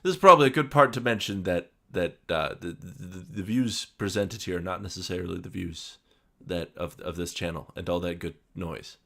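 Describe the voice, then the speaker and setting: A man's voice: sits low, normal speed, creaky, few pauses. A man hosting a podcast, joking dryly and reading a story aloud with plenty of fillers. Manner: dry, deadpan joking with many fillers. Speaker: podcast host. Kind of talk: casual chat and read-aloud.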